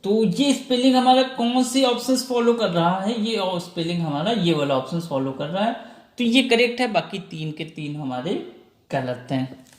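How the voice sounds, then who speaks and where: A man's voice: sits high, lively intonation, moderate pace. A man teaching an exam vocabulary lesson, spelling words out letter by letter and answering his own questions. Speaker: English teacher. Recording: echoey room.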